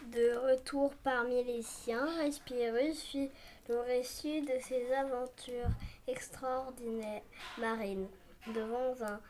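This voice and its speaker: A woman narrating a scripted children's story aloud, in short halting phrases. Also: fairly high pitch, steady tone, a little mellow. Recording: clearly noisy recording with clicks.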